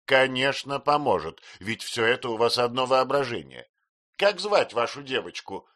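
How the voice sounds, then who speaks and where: A man's voice: medium pitch, sing-song, measured pace, pushed and bright, no room sound, clean studio sound, pitched above the performer's own voice. A man voicing a stern, commanding elderly aunt who speaks sharply and impatiently. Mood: imperious.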